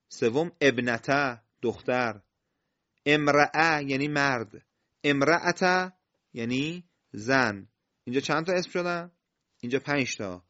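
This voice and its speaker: Male recitation teacher, animated, quizzing tone, dry muffled recording. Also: mid-range voice, no room sound. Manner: explains step by step, quizzes the listener with questions, praises with "well done"; drawn-out, stressed recital of example words. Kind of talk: spoken lesson. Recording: dull, dry, lo-fi sound.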